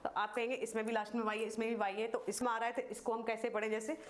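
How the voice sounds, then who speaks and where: A woman with an Indian accent teaching English pronunciation rules in Hindi, spelling words out letter by letter and repeating each rule slowly with questions to the class. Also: on the high side, flat delivery. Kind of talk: slow classroom explanation while writing on a board.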